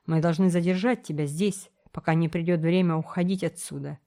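A woman's voice: on the low side, fairly even intonation, a little fast, mellow, lightly acted. A woman voicing a stern older male gold digger who gives curt commands.

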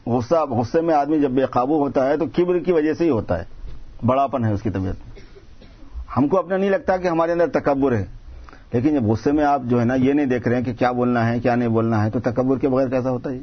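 A man's voice: mid-range voice, husky, lo-fi sound. A man giving a sermon, explaining patiently and repeating phrases for emphasis. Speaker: religious preacher.

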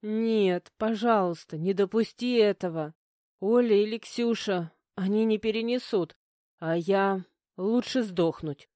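Brief: woman playing a young heroine, sharp-tongued and defiant, warm mellow tone. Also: mid-range voice, lively intonation, measured pace, no echo, studio quality, close to an everyday voice. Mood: pleading. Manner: indignant, pleading. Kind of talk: audiobook character voicing.

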